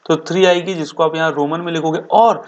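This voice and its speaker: A male chemistry teacher giving a board exam revision lecture in casual Hindi, asking rhetorical questions and answering them himself, repeating key terms slowly. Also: fairly high pitch, fairly even intonation, dull audio. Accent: Hindi-speaking Indian. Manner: addresses students as beta and bhaiya.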